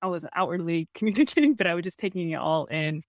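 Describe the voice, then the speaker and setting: A young woman with a low-set voice talks as a guest in a casual interview. She is relaxed and laughs easily between loose, filler-heavy sentences. The recording is close and dry, with no room sound. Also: fast, no room sound.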